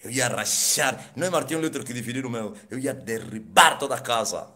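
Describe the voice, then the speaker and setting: A man, an apostle, telling his conversion testimony in preaching style, swinging from loud exclamations to hushed asides and dropping hallelujahs. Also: medium pitch, fairly quick. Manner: peppers speech with hallelujahs and laughs.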